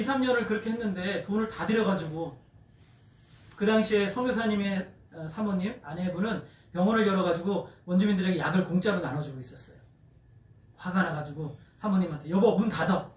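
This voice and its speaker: A male pastor telling a story in a sermon, animated and asking the congregation questions as he goes. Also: high-pitched. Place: church sanctuary. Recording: echoey church, distant mic.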